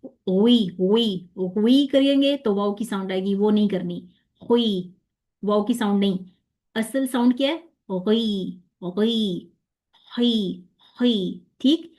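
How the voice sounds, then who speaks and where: A woman teaching tajweed pronunciation in an online lesson, patiently drilling letter sounds slowly and repeating them. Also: medium pitch, warm tone.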